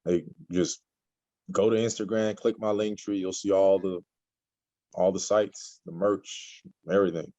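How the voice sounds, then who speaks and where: A man's voice: sits low, steady tone, a little slow, warm tone, dry recording, muffled recording. A man in his forties from Nigeria, a guest chatting casually in an interview, rambling with many fillers. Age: 40s.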